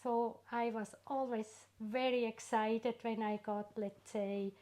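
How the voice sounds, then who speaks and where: In a relaxed interview about her work, a middle-aged woman from Switzerland, an artist whose first language isn't English, speaks with a Swiss accent. Her voice is on the high side and steady, and her storytelling is unhurried and warm, with many pauses and fillers.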